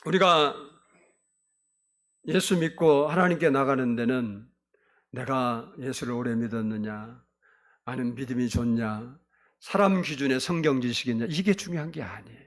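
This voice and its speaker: A man's voice: mid-range voice, normal speed. A male pastor delivering an emphatic sermon in a church and prompting the congregation to answer back. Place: church sanctuary.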